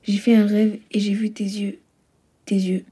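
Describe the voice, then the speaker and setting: A woman's voice: mid-range voice, flat delivery, a little slow, dark tone, husky. A woman voicing a dying young woman who murmurs her last words. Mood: fading. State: dying, weak.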